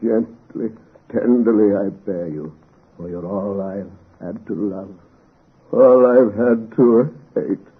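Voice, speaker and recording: A man's voice: on the low side, slow, breathy edge, full character voice. A man playing a tender, embittered monster with solemn theatrical delivery in a 1930s radio drama. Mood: mournful, solemn. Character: sorrowful male monster, tender and embittered creation. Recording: muffled, phone-like old radio recording.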